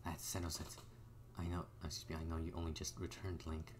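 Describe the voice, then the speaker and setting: Very deep-voiced man, casual gamer. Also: little pitch movement, fast talker, background noise. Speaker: gamer playing through a video game. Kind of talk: casual game commentary and reading dialogue aloud.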